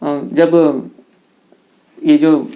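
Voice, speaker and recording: Slightly high and dark-toned, the man's voice stays steady as he teaches law informally for exam prep. He has an Indian accent, chats directly with listeners, and occasionally reads English passages in a halting way.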